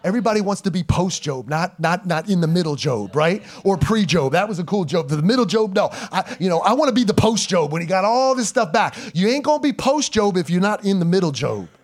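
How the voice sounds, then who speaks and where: A middle-aged male pastor preaching a sermon in church, moving from loud, emphatic exhortation to quiet, intimate asides, with informal slang. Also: sits high, animated, brisk, few pauses. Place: church sanctuary. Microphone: live stream church mic.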